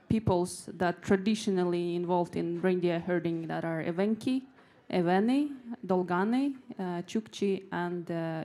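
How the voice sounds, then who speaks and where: A woman presents at a conference in a slightly low voice. She speaks haltingly, stopping for fillers and restarting phrases. Her manner stays friendly and open throughout. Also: darkish tone. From Yakutia, Russia.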